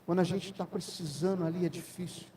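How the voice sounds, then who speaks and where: A man's voice: high-pitched, fairly even intonation, brisk, dark tone, a little hiss or hum. A man with a Brazilian Portuguese accent preaching in church, telling a personal story and addressing the congregation as brothers. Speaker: pastor. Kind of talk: sermon testimony.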